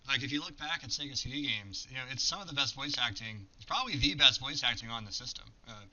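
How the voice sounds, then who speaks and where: A man's voice: medium pitch, expressive, quick pace, pushed and bright, muffled recording. A male podcast host who asks interview questions as an eager, enthusiastic fan.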